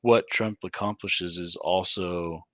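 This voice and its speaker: A man in a casual podcast chat, making measured points and checking agreement with "right?". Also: sits low, fairly even intonation, bright, forceful tone, dry recording. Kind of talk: casual banter.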